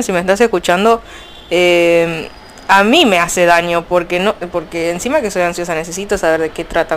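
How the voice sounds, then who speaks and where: A woman's voice: fairly low pitch, a little hiss or hum. Chatty young Argentine woman vlogging. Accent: Argentine Spanish. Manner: chatty, rambling, frequent restarts and fillers. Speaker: fanfiction vlogger. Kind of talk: casual chat.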